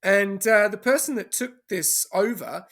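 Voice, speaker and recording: A man, hosting an informal awards show in a halting, hesitant way. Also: high-pitched, expressive, gravelly, fairly bright tone. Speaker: awards show host and race commentator. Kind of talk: casual online awards presenting.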